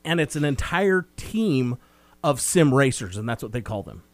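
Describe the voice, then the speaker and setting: A man's voice: medium pitch, very animated, normal speed, dry recording. A man co-hosting a casual film review chat, recapping the plot in a meandering, talkative way. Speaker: movie review co-host.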